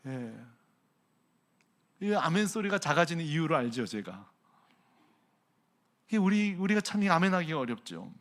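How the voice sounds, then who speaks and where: A man, a senior pastor, preaching a sermon. He swings from hushed lines to loud exclaiming and often asks the congregation questions. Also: fairly high pitch, very animated, normal speed, pauses often.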